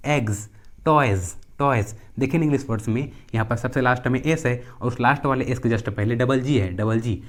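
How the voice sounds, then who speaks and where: A young man teaching pronunciation, repeating each rule and example word and answering his own questions. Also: mid-range voice. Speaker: English teacher. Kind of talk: pronunciation lesson.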